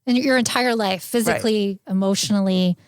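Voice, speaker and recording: A woman's voice: mid-range voice, a little fast, no echo, clean studio sound. A woman co-hosting a podcast who adds remarks and affirms what her guests say. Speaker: podcast co-host. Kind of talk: interview hosting.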